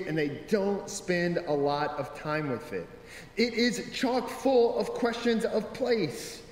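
A man with a high, light voice gives an earnest sermon, opening up Scripture for his listeners. He leans into key phrases with a lift in his voice. His words ring out in a roomy hall with a long, trailing reverb.

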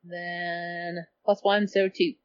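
A woman's voice: on the low side, little pitch movement, very slow, clear, resonant tone. A woman playing a tabletop role-playing game, talking casually and a bit hesitantly. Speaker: player. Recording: dull lo-fi sound.

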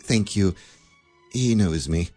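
An actor playing Scrooge, an elderly miser turned giddy and generous, laughing and lively in a radio play. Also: male voice, sits low, slow. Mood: joyful. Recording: studio radio drama with faint music.

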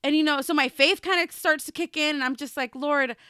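A woman's voice: high-pitched, quick pace, dry recording, studio quality. A woman in her thirties co-hosting a podcast, telling stories animatedly and acting out what people said. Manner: animated storytelling, acts out quotes. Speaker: podcast co-host. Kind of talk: casual chat.

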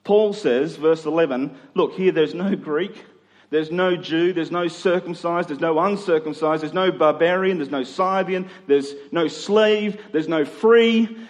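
With a slightly high voice and a measured pace, a preacher from Queensland, Australia, gives an earnest, conversational sermon to a congregation in a large room. He repeats phrases to drive points home, and the hall's long reverb makes the recording echoey.

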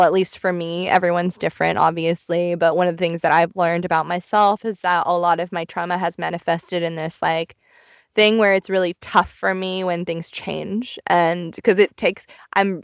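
A woman's voice: fairly low pitch, clear, resonant tone, no echo. A woman hosting a podcast from inside a small closet, chatting casually, candid and introspective in a rambling, confessional way. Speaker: podcast host. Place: recorded inside a small cluttered closet, dry close sound.

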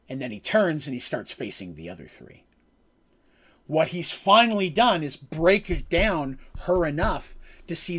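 A man with a fairly high voice recaps a tabletop role-playing battle as the game master. He rambles casually, stopping to correct himself and filling gaps with ums. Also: a bit bright.

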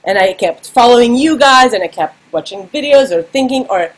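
A woman's voice: on the high side, lively intonation, moderate pace, rough recording. Chatty woman from Serbia interviewing. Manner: chatty, searching for words. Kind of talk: conversational interview.

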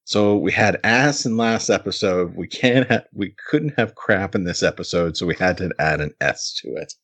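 A man's voice: low voice, moderate pace, fairly bright tone. A man co-hosting a podcast, chatting casually as he recaps an episode, laughing often and restarting his sentences. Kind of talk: casual chat.

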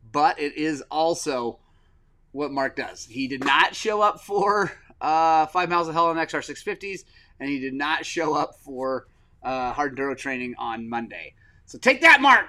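Casual podcast host, middle-aged man, somewhat high voice, excitable and swinging between loud and soft. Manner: excitable storyteller, swings from loud enthusiasm to choked-up softness. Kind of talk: casual chat.

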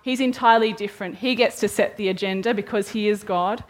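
A woman preaching a sermon, retelling scripture as a lively story and acting out the quoted voices. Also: mid-range voice, fairly quick.

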